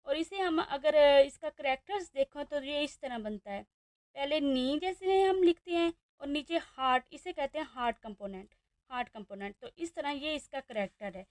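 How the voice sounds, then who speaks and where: A woman teacher with a Pakistani Urdu accent leads a beginner lesson in a high voice. She says each word slowly and repeats it several times. The sound is dry and close, with no room echo. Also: animated. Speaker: Chinese language teacher.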